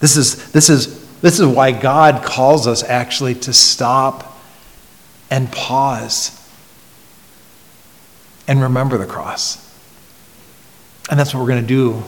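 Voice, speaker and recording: Slow, earnest preaching man in a reverberant hall. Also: medium pitch, steady tone. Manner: earnest, swings from loud emphasis to hushed near-whisper; repeats words in restarts. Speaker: pastor. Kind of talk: sermon.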